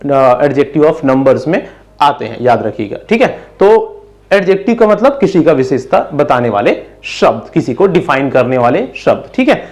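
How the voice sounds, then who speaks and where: A man teaching English grammar in Hindi. He asks and answers his own questions and slows down to spell out the English examples. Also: mid-range voice, sing-song, a little mellow.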